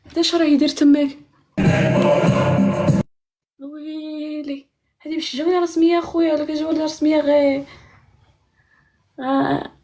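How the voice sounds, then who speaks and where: A woman hosting a live stream, excitable and laughing, rapidly calling out to viewers. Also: sits high, faint music behind. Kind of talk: casual live-stream chat.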